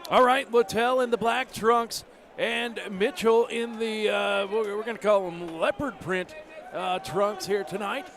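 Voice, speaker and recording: A man's voice: high-pitched, fairly even intonation, measured pace, fairly bright tone. A man giving live play-by-play commentary as host of a mixed martial arts broadcast. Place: live fight event venue.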